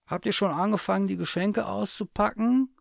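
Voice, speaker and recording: A man voicing a chatty, boyish stuffed toy bear in a storybook reading, with a high, eager voice. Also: normal speed, vocal fry, no room sound, studio quality.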